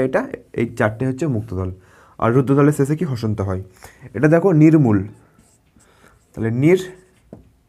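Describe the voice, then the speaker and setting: A man's voice: mid-range voice, a little mellow. A man teaching a grammar class in a patient, repetitive way. He stretches words out syllable by syllable and keeps checking whether his students have understood. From West Bengal. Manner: patient, repeats words and asks students questions; drawn-out syllable-by-syllable pronunciation. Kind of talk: grammar lesson.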